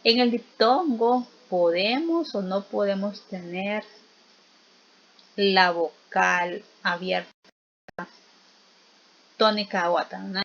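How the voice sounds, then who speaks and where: A woman teaching a spelling lesson, explaining slowly and patiently and often checking in with her students. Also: medium pitch, muffled recording. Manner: slow, patient explaining with frequent check-in questions.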